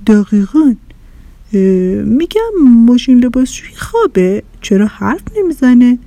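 A woman voicing a kind, caring kitchen fridge in a children's story, with a gentle, reassuring manner. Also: on the high side, sing-song, no room sound. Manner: gentle, reassuring, a little louder. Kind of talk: storybook character voice.

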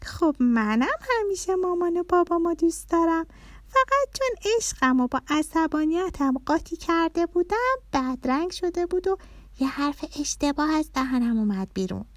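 A woman voicing a cheerful, eager little girl in a children's story, with a high, excited childlike voice. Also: no echo.

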